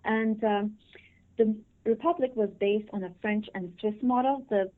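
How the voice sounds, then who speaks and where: Turkish-born woman guest on a phone line. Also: mid-range voice. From Turkey. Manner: measured, many fillers. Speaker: interview guest, professor. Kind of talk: interview answers.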